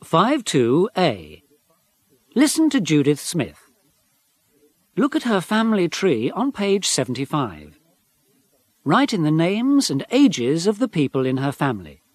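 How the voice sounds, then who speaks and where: A man narrates the steps of a pronunciation course. His delivery is slow and deliberate, and his voice sits slightly high with a lively rise and fall. The studio sound is dry. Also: no room sound. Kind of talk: scripted instructions for a pronunciation course.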